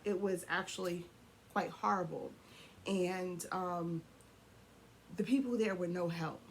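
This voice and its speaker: A woman co-hosting a casual couple's chat, hoarse from losing her voice, talking freely and clearing her throat. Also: fairly low pitch, steady tone, slow, a little hiss or hum. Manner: chatty, laughs often, clears throat. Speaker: co-host of a couple's channel.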